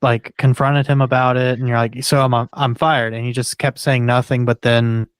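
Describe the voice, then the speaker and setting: A man's voice: medium pitch, level tone, moderate pace, clean tone, no room sound. A man co-hosting a podcast in casual chat, easygoing and prompting his partner with questions. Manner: easygoing, prompting the other host. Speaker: podcast co-host.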